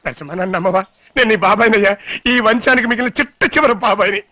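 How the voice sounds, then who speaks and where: A fast-talking scheming uncle. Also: male voice, sits high, sharp tone, no echo. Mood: pleading. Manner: rapid, wheedling and theatrical, scolding then pleading. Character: scheming, fawning middle-aged uncle of the family. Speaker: dubbing actor. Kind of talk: dubbed film dialogue. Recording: dry studio dub.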